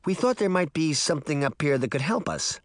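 A man's voice: a little high, very animated, fairly quick, no room sound, voice pushed up. A man voicing an impatient, stubborn girl who is the older sister. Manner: curt, impatient.

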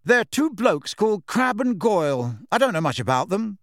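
A man voicing a brisk, businesslike young female team captain. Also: sits high, sing-song, fairly bright tone, no echo, studio quality, voice pushed up, full character voice.

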